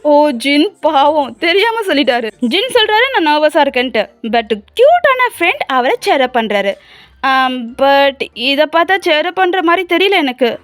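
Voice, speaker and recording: A woman's voice: high voice, big pitch swings, normal speed, dry recording. A woman with a Tamil accent narrating a comic fan dub in a teasing, chatty voice-over, full of exclamations.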